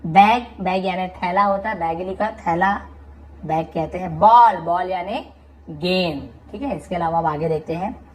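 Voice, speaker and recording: A woman tutor teaching English vocabulary in Hindi. She calls out each word loudly and then explains it patiently in a lower voice. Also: unhurried, low-quality recording.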